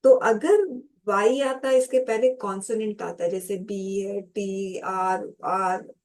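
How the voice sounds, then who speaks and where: A woman's voice: mid-range voice, fairly even intonation, slow, darkish tone. A woman teaching English grammar in a lesson. She explains step by step, calls her viewers students, and answers her own questions.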